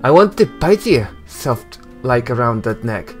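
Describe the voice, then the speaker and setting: A man's voice: medium pitch, sing-song, unhurried, faint music behind. A man putting on a sarcastic young tiefling woman. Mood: teasing. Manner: mocking, teasing lilt.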